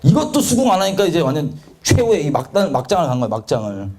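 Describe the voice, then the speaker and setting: A young man preaching a sermon, telling his own story in a confessional, animated way and acting out quotes. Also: on the high side, quick pace.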